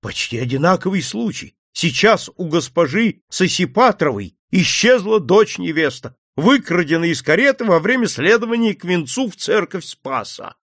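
Man voicing a brisk police assistant. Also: sits high, sing-song, a bit bright, no room sound, studio quality, heavily acted. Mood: reporting.

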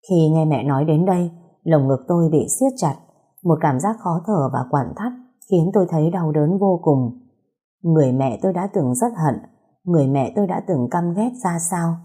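Female narrator for a first-person audio story; dark, mellow tone, steady and somber. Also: on the low side, slightly rough.

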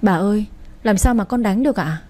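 Scared loyal servant lad, mellow soft voice, read by a woman. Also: mid-range voice, brisk, natural voice. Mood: timid. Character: loyal young male servant, timid.

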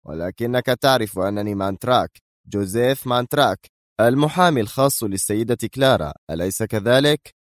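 Man playing a tense irritable lawyer, snappish and nervous, higher pitched, dry close sound. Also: lively intonation, brisk, no room sound, lightly acted. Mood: irritated. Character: tense, irritable male lawyer, sharp and impatient.

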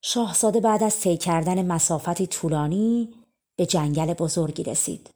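A woman with a fairly low voice reads a fairy tale aloud as an audiobook narrator. She tells it gently, in an easygoing storytelling way. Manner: gentle storyteller, colloquial Persian.

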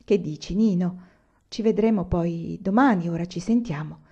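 A woman reading aloud and voicing a tender young woman speaking softly to her lover. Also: fairly low pitch, normal speed, husky, lo-fi sound.

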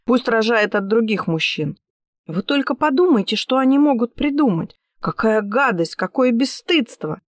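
A jealous, defiant young mistress pitched up high and bristling with indignation, as a woman narrating an audiobook puts her on. She flares quickly and argues her corner hotly. The sound is dry and close, with no room around it. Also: expressive, no room sound, lightly acted. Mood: indignant. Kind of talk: audiobook character voice.

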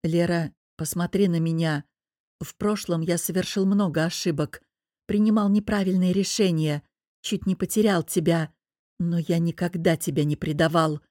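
A woman voicing a stern, protective husband who answers in firm, clipped lines, set a little lower than her own voice. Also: animated, slow pace, dark tone, no echo, clean studio sound. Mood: insistent.

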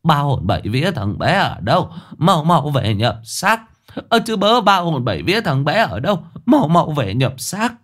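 A man voicing an old village woman who calls out a slow, drawn-out chant. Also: on the high side, sing-song, a bit bright, voice pushed up. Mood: keening.

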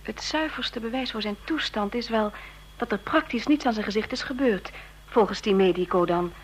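In a Dutch radio drama, a woman plays a gentle, sympathetic young intelligence bureau employee, speaking softly, hesitantly, tenderly and with reserve. Her voice is a little high and close to everyday speech, at a moderate pace, on poor audio with a little hiss or hum.

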